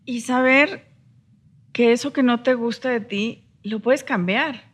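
This woman co-hosts a podcast, and her voice is a little high, slow and slightly rough. In casual conversation she explains ideas reflectively, closing her points with rhetorical tags.

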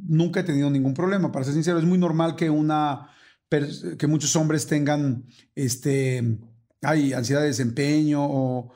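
A Mexican man in his forties hosts a relaxed podcast chat. His voice sits a little higher than most men's. He tells an anecdote with gusto and slips into quoted voices as he goes. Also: normal speed. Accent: Mexican Spanish. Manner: animated, acts out dialogue in quoted voices. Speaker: podcast host. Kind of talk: casual storytelling chat.

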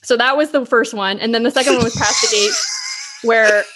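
A woman with a Canadian accent hosting a podcast, chatty and quick to laugh, often correcting herself mid-sentence. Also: on the high side, very noisy. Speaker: podcast host. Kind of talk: casual podcast chat.

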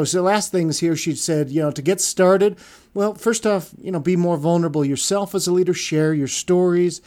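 A man's voice: a little high, darkish tone. Earnest, rambling male podcast co-host. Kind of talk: casual podcast chat.

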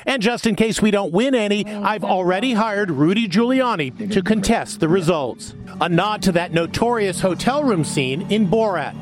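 A man's voice: sits high, expressive, moderate pace. A man reading scripted tabloid TV news narration as an entertainment reporter. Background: music bed.

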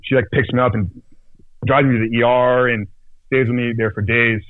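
A man telling a personal story as a podcast guest in a casual, halting way, full of restarts and fillers. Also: mid-range voice, fairly even intonation, no room sound. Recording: tinny phone-like dry sound.

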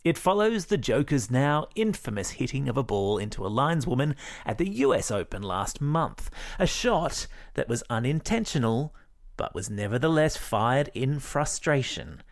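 A man's voice: medium pitch, big pitch swings, normal speed, dry recording, clean studio sound. An Australian man hosting a kids' news podcast, reading scripted stories in an upbeat, playful way with jokey asides.

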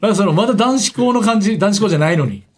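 A man with a Kansai accent co-hosting a radio show, teasing his partner in casual comedy banter. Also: high voice. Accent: Kansai Japanese. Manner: teasing, rapid and animated.

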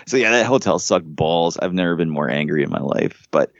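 A man with a very low voice rants through a story in casual podcast chat, swearing freely and getting animated. The recording is dry, with a dull, slightly muffled tone. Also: brisk, creaky, dry recording.

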